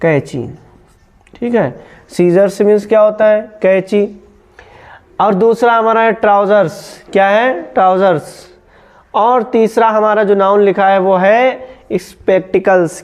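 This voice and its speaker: A man's voice: high voice, unhurried, smooth. A man teaching a grammar lesson, asking a question and then answering it himself, repeating each word. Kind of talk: classroom-style grammar lesson.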